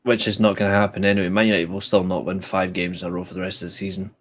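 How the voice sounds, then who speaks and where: This is a man in his late twenties with a lowish voice. He chats casually on a podcast, blunt and joking, and he swears freely. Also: little pitch movement, racing. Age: 20s. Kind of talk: casual chat.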